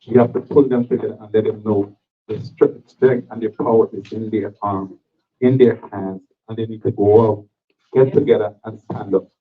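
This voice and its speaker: A man's voice: on the low side, steady tone, moderate pace, narrow, tinny audio. Man, phone-thin sound. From Guyana. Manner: hesitant with fillers, growing firm. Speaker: audience member at a town hall. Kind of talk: public comment at a community meeting.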